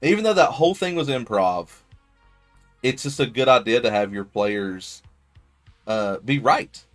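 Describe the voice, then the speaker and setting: A man's voice: mid-range voice, expressive, a little slow. A man game master casually recapping his first tabletop session, talking in a loose, rambling way with many fillers and some swearing. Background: faint music.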